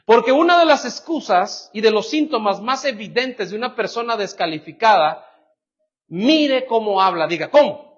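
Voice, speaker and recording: A pastor preaching a sermon in church, animated and full of rhetorical questions. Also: male voice, sits high, moderate pace. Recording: dull lo-fi church recording.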